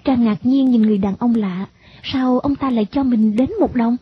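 Lady reading a story aloud, high voice, dull lo-fi audio. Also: normal speed. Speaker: narrator. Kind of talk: storybook narration. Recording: dull lo-fi recording.

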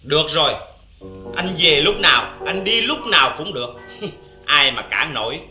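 A bantering husband who teases his wife, speaking with a Southern Vietnamese accent. His voice is high for a man and swings widely in pitch. The sound is roomy and echoey, with music clearly behind him. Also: moderate pace. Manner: lively, bantering and teasing. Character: joking, teasing husband. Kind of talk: vintage radio drama acting.

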